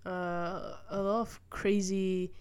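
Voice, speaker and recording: A young woman from Malaysia hosts a solo podcast in a room by a window, with rain outside. Her medium-pitched voice is level, slightly mellow and smooth, and she takes it slowly. The casual monologue is thoughtful but hesitant, with many fillers and restarts.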